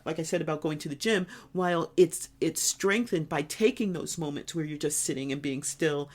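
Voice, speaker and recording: Low-voiced older woman, chatty host. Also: moderate pace, a little mellow. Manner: reflective storyteller, chatty. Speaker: podcast co-host. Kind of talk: casual chat.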